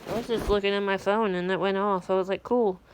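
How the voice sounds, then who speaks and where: A woman with a mid-range, steady, smooth voice talks fast, offering casual, matter-of-fact, rambling commentary to her phone while half muttering to herself. She's an amateur weather radio vlogger at home in a room at night. The handheld recording is low quality, with faint background noise.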